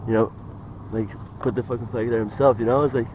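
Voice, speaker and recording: A man's voice: medium pitch, steady tone, fast, darkish tone, a little hiss or hum, low-quality recording. A young man talking in a rambling, meandering way, full of "like" and "you know", in a casual monologue. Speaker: vlogger.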